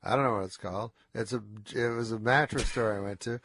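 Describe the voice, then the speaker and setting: Tired and stuffed up, a man with a nasal voice is a guest on a casual radio interview, speaking quickly in a slurred, low-energy, deadpan way with no echo.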